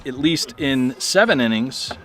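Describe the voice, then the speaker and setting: A man's voice: medium pitch, expressive, a little slow, over music. Chatty man calling a baseball game. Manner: chatty, self-deprecating, jokes with co-host. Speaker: play-by-play announcer. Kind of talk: high school baseball commentary.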